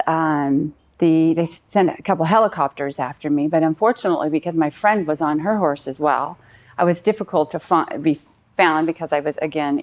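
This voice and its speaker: A woman in her fifties telling a personal story in an earnest, detailed and slightly rambling way. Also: low voice. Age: 50s. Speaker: client giving a testimonial.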